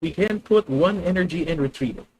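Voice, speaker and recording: A man's voice: fairly high pitch, brisk, darkish tone, rough recording. A man with a Filipino accent thinking aloud as he plays a card game on stream, chatting with viewers. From Philippines. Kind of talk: live card game commentary.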